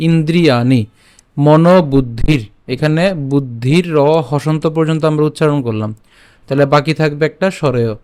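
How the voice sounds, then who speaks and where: A man with a smooth, resonant voice, pitched a little high, teaches an online recitation lesson. He breaks each verse into syllables and repeats them slowly and deliberately. He rattles through his channel announcements quickly. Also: darkish tone. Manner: slow syllable-by-syllable drilling of pronunciation.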